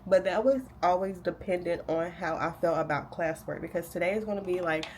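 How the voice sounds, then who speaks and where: There's a little hiss or hum as a young woman, a vlogger and graduate student, talks a bit fast in a lowish, slightly mellow voice. Sounding stuffed up from a cold, she rambles chattily with many fillers while preparing to study in a casual day-in-the-life vlog.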